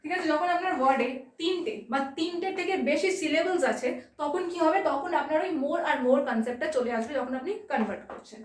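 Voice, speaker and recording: A woman teaching a grammar lesson, patiently repeating points and checking in with quick questions. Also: sits high, distant mic. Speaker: exam-prep English teacher. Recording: echoey room, voice set back from the mic.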